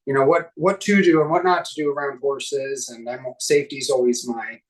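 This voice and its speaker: A man's voice: medium pitch, fairly even intonation, fairly quick. Easygoing man on a distant mic. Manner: easygoing, laughs often. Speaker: guest, filmmaker. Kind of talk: casual interview chat.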